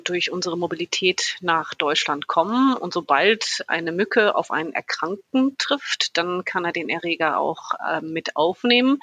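Eine Frau, Umweltmedizinerin, die im Interview sachlich und mit vielen Füllwörtern medizinische Zusammenhänge erklärt. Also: female voice, lowish voice, a bit bright, husky, no echo. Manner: measured, explanatory, many filler sounds. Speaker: environmental physician. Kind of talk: explaining in an interview.

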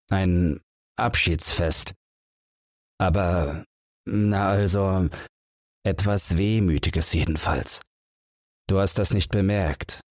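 A man doing a quiet, melancholy man. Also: low voice, no room sound, studio quality. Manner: soft, measured, hesitant.

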